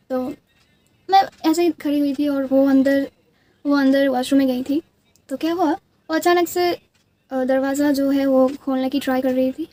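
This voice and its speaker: Young woman, Bengali accent, native Bengali speaker; high, mellow voice; casual rambling beauty-vlog storytelling with restarts. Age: young adult. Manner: chatty, rambling, many restarts and fillers. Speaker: beauty vlogger.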